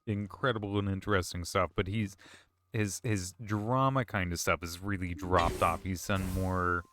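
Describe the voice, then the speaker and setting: A man's voice: deep voice, steady tone, moderate pace, a bit bright, slight background noise. A man streaming a game, chatting casually with viewers in a rambling, self-correcting way. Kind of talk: casual chat while gaming.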